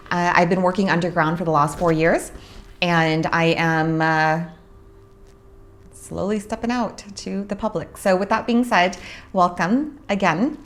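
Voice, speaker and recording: A young woman from Orange County, California, hosts a relaxed monologue about her spiritual practice. Her voice is fairly low, and she speaks slowly and thoughtfully, often pausing.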